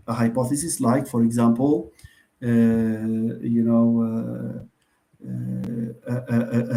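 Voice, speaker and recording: A university lecturer with a Moroccan accent, whose first language is Moroccan Arabic, answers students' questions in an online session. His mellow, medium-pitched voice is hesitant, full of fillers and restarts, and he often poses questions and then answers them himself.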